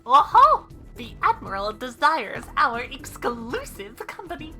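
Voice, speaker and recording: A woman voicing a brash, cheeky young male deckhand in a game, loud and mocking. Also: high-pitched, sing-song, unhurried, soft background music, pitched above the performer's own voice, heavily acted. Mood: cocky.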